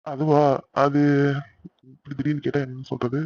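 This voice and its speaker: A man voicing a young husband in an animated series, talking brusquely and dismissively and fumbling for excuses. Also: medium pitch, normal speed, husky, no echo, highs cut off. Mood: evasive. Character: young husband, gruff and evasive.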